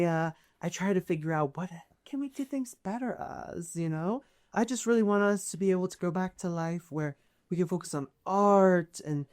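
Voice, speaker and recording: A woman voicing a calm, sincere middle-aged elf woman mage who talks in a soft, reassuring way. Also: lowish voice, pitched above the performer's own voice, lightly acted.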